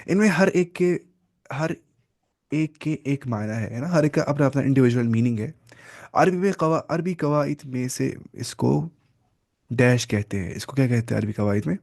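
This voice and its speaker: A man teaching an online Arabic grammar lesson. He explains step by step, asks the class questions and answers them himself, mixes in English terms and reads Arabic words slowly. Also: mid-range voice, gravelly, a little mellow.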